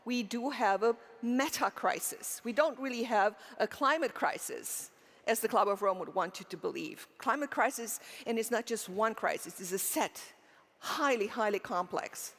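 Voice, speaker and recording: On stage in a large conference hall full of long reverb, a middle-aged woman from Romania gives her keynote earnestly, posing rhetorical questions and supplying the answers herself. She speaks at a normal speed in a fairly high, fairly bright voice, often using fillers and restarting.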